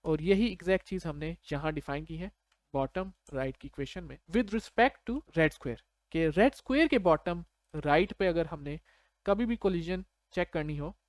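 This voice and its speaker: A Pakistani programming tutor speaks unhurriedly in a slightly high voice, taking the listener through things one step at a time in a relaxed, conversational manner and checking in often with quick questions. The audio is close and dry, without echo.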